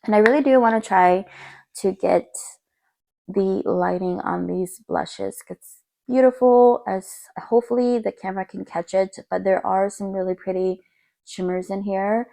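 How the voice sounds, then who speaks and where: A young woman vlogging at home with a gravelly, just-woken-up morning voice. She talks in a chatty, upbeat way, full of casual fillers, at a middle pitch. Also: steady tone, measured pace, dark tone. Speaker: beauty vlogger. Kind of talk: casual makeup declutter vlog. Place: home room by a window in morning light.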